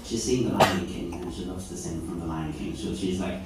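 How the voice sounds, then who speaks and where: A man's voice: sits low, fairly even intonation, a little fast. A man with an Irish accent performing stand-up comedy at a live show and laughing at his own jokes. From Ireland. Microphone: far camera. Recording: distant echoey noisy camera audio.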